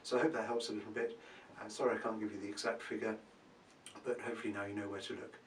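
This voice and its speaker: A man's voice: fairly low pitch, fast talker. Man giving property advice from a distance. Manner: relaxed, thinks aloud with many ums and uhs. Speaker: property expert answering viewer questions. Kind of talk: casual advice Q&A. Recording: roomy, from a distance, faint background hum.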